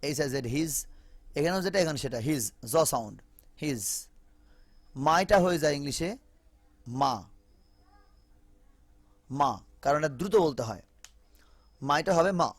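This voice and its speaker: A man's voice: fairly high pitch, expressive, moderate pace, pauses often, dry recording. A man teaching an online phonetics class, repeating example phrases over and over. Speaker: English teacher.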